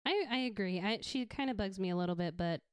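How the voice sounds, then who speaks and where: Young woman co-host, smooth and clear voice, animated and giggly, dry mic. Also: mid-range voice, fast, dry recording. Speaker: podcast co-host. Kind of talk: casual chat reviewing a TV episode.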